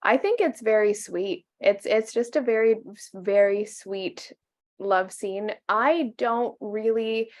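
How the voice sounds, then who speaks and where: A woman's voice: medium pitch, slow. Hesitant woman co-host in a film chat. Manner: hesitant, laughs easily. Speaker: podcast co-host. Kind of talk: casual film discussion.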